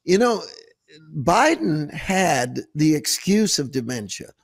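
A man's voice: fairly high pitch, very animated, slow, husky. A man hosting a political talk show, speaking emphatically and sarcastically with open disbelief. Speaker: show host, preacher. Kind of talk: casual political commentary.

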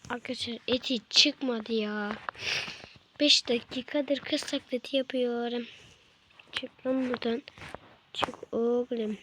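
A high, girly gamer voice, as a man puts it on, excitable and quick to curse at the game. It chatters straight to viewers in loose gameplay commentary, with a faint hiss underneath. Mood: playful. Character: girly female voice put on by a male gamer. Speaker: gaming streamer.

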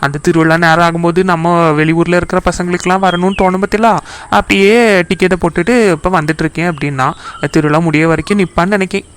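A man's voice: sits high, fairly even intonation, fast, fairly bright tone, slight background noise. A man voicing an agreeable, chatty villager in a cartoon. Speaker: voice actor. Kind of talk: cartoon voice acting.

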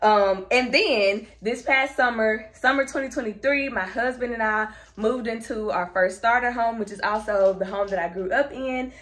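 A woman, a lash artist chatting excitedly to camera in a casual vlog from her home lash room, a little out of breath. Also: fairly high pitch, moderate pace, few pauses. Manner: excited and chatty, uses "y'all".

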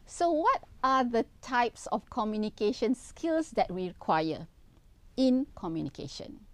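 A woman's voice: on the high side, sing-song, unhurried, dry recording. A middle-aged woman, giving a university lecture in an earnest, instructive way and repeating her key points. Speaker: university professor.

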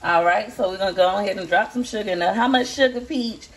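A woman's voice: medium pitch, fast talker, slightly rough. A woman filming a casual home cooking video, chatting folksily to her viewers while she stirs a pot. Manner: chatty, folksy, talks to viewers as Peach Patch. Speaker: cooking vlogger. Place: home kitchen.

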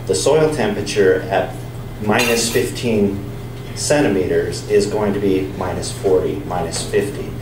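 At a science night in a pub, a scientist with a fairly low voice gives a public lecture followed by audience Q&A. He explains things in a relaxed way with some restarts, and the recording is distant, echoey and noisy.

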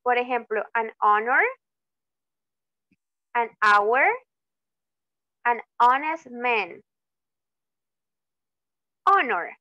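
Patient teacher type, woman, slow and clear, keeps checking in with students, muffled video-call sound. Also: on the high side, bright, forceful tone, dry recording. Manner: slow, drawn-out example words, frequent checking "¿ok?". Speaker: English tutor. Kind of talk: online class explaining grammar in Spanish.

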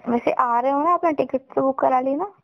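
A woman playing a pushy young girlfriend with a gravelly edge. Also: high voice, dry recording. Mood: insistent. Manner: pushy, insistent, quick-talking. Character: insistent young girlfriend, stubborn and demanding. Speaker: girlfriend on a phone call. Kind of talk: scripted phone-call drama. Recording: dull, dry lo-fi recording.

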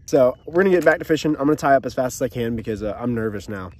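Excitable young guy fishing from a boat. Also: medium pitch, rapid-fire. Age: young adult. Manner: excitable, rambling chatter. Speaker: fishing channel host. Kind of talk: casual outdoor fishing vlog. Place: small boat on a lake outdoors. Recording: outdoor boat audio with faint noise.

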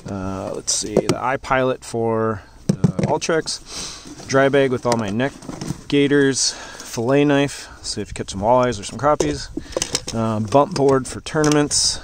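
A man giving a relaxed, rambling walkthrough tour of his boat outdoors, talking with many fillers into a handheld camera. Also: medium pitch, unhurried, background noise. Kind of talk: casual walkthrough vlog.

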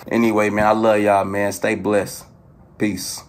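A man giving a casual, profane motivational rant to his viewers, preachy and excitable, swinging between loud outbursts and low murmurs. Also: slow. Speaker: spiritual motivational vlogger.

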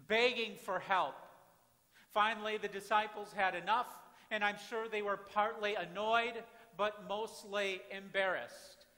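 Male pastor, slow and dramatic from hush to loud, reverberant sanctuary. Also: high voice. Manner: dramatic preaching, swings from hushed to loud. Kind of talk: sermon. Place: church sanctuary with congregation. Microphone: far camera at back of church. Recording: reverberant church from far off.

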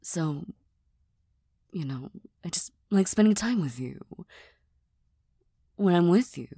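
Breathy low cat-girl, ASMR role-play by a woman. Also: slow, no room sound, clean studio sound, full character voice. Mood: shy, fond. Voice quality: soft, breathy. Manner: deadpan, gently teasing, hesitant. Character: tired, serious, self-deprecating young cat-girl best friend.

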